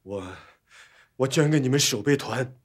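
A man's voice: medium pitch, moderate pace, slight background noise, lightly acted. An actor playing a fretful wealthy father in his fifties, pleading nervously and deferentially. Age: 50s. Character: anxious wealthy father bargaining for daughter.

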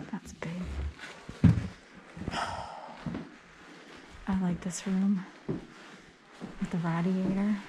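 Her medium-pitched, mellow voice comes through a low-quality recording with a little hiss or hum from a body-worn action camera. She's a vintage paper reseller touring an old house at an auction in a casual walk-through vlog, gushing over finds in chatty exclamations and whispering some of her reading.

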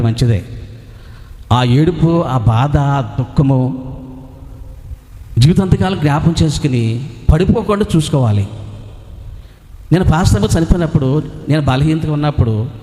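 Mellow-voiced male preacher in a hall. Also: on the high side. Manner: asks rhetorical questions and answers them himself, with frequent hallelujahs. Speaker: pastor. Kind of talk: preaching a sermon.

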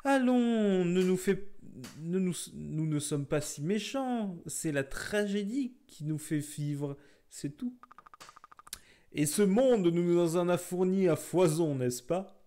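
A sly, seductive demon from a fantasy video game, put on by a man reading the lines aloud. The voice purrs with mock-sweet menace, slow and deliberate, and sits a little high. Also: expressive, dark tone. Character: seductive twin demons, incubus and succubus.

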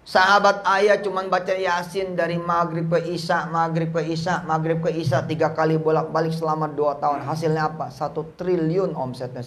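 A man preaching a lively, joking sermon at a boarding school gathering, telling stories in casual speech. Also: moderate pace, hardly any pauses. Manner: jokey, acts out quoted voices with big pitch jumps.

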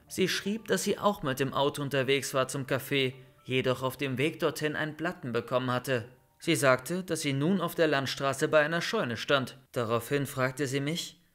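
Young male storyteller for a bedtime creepypasta, even mid-pitched voice, soft music underneath. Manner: calm storytelling, loud shouted calls in scenes. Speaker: narrator of horror stories. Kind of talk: scripted first-person horror narration.

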